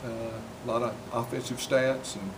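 An older man, a head football coach, answering postgame questions in a steady, plainspoken way with many fillers. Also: mid-range voice, normal speed. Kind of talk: postgame interview. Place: indoor interview backdrop. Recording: distant mic with loud noise.

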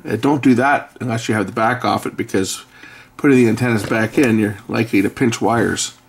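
A brisk, steady, lowish male voice belongs to a middle-aged man repairing something at an indoor workbench. He hosts a repair video and talks in a casual, blunt way, grumbling slightly. The recording has faint background noise with clicks.

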